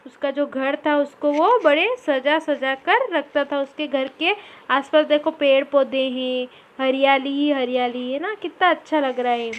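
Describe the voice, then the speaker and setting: Slow, high-voiced woman teaching phonics. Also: fairly bright tone. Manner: repeats each word twice, syllable by syllable. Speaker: primary school teacher. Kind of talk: slow phonics lesson for children.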